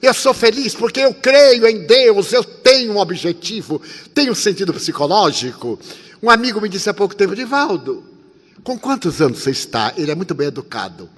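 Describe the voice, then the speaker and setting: An older man in his eighties preaches in a high, bright voice that rings with a long hall reverb. He tells his story animatedly, dropping to a hush and rising again as he acts out each exchange. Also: brisk. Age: 80s. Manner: animated, swings from loud to soft, acts out dialogue. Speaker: spiritist speaker. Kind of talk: sermon with storytelling.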